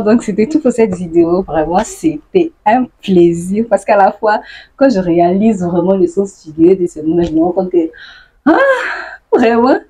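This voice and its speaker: Laughing woman with a husky, mellow voice. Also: fairly low pitch. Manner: lively, laughs often, acts out phrases. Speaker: YouTuber explaining local slang. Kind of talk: casual explanatory vlog.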